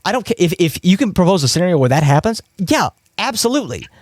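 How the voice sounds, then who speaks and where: A man from Kentucky argues back in a live debate and leans hard on each point. His pitch rises and falls widely as he presses his case. The recording is dry and close. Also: sing-song, fast, dry recording. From Kentucky, USA. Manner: emphatic, argumentative. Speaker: debate guest.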